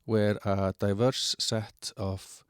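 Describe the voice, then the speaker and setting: A man giving a halting walkthrough of an online platform, with many fillers and restarts. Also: on the low side, little pitch movement, smooth, dry recording, studio quality. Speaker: presenter of a digital platform. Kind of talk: screen-share product walkthrough.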